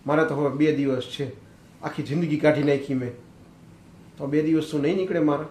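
A man's voice: on the high side, steady tone, a little fast, a little mellow, slight background noise, lightly acted. A man voicing a dying elderly father who pleads earnestly with his son. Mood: pleading. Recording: echoey, roomy recording.

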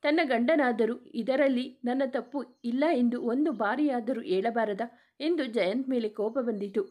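A woman reading a dramatic family story aloud in a steady narrating voice. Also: on the high side, a little slow.

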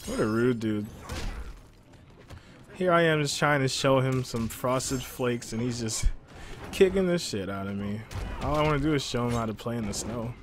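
A young man giving relaxed, joking commentary while playing a fighting game. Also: medium pitch, normal speed, slight background noise. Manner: laid-back, joking. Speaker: gameplay commentator. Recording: game music faintly behind.

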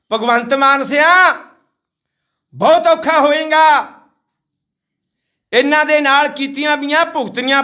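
A man's voice: extremely high pitch, pushed and bright. A man from Haryana, a social activist, giving an impassioned, scolding speech to villagers outdoors. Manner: indignant, scolding, repetitive.

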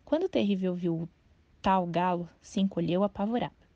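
Mellow woman reading a children's book. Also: lowish voice, brisk, dry recording. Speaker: audiobook reader. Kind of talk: reading a children's novel aloud. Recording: dull, dry lo-fi recording.

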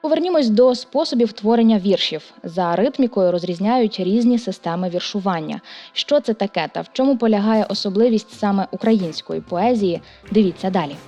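A woman narrating a program in a scripted voice-over, reading smoothly and evenly. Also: medium pitch, lively intonation, a little fast, dark tone, soft background music.

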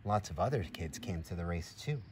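Outdoors in a grassy farmyard beside a barn, a middle-aged man reads a picture book to children with an expressive, encouraging delivery. He speaks briskly in a low voice and makes friendly asides, talking directly to both the children and an animal. Background noise is present, with clear outdoor ambience.

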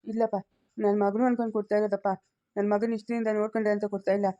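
Woman acting as a kindly village matron, quick talker, level tone, motherly. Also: medium pitch, flat delivery, mellow, close to an everyday voice. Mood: pleading. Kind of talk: amateur family drama acting.

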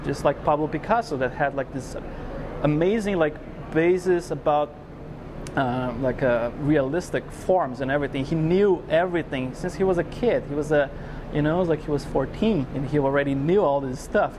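A man's voice: a little high, brisk, noisy background. A man in his forties from Brazil with a Brazilian Portuguese accent, answering interview questions casually in a large glass-walled hall on a lapel mic, rambling with many fillers. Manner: rambling, many fillers like "you know, it's like". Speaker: guest artist.

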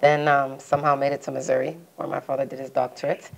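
A woman's voice: extremely low pitch, flat delivery, fast, creaky, a little hiss or hum. A young adult woman from Congo, a salon founder, chatting in an interview on a studio couch, with lots of ums and laughs. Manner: chatty, many "um"s and "you know"s, laughs easily. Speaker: salon founder, hair stylist. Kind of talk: casual interview answers. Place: studio set with red walls and leather sofa.

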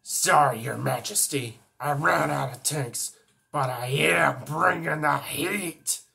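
A man doing a cocky fiery alien hero from a cartoon, a little raised and brash in his quips. The tone is bright with a gravelly edge. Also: on the high side, takes it slowly, exaggerated voice.

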